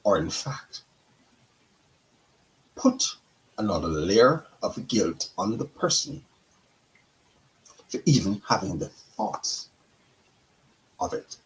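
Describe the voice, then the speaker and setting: A middle-aged Guyanese counselor hosting a talk show talks in a slow, deliberate monologue, pausing and correcting himself. His voice is on the low side and very animated, captured in a rough recording.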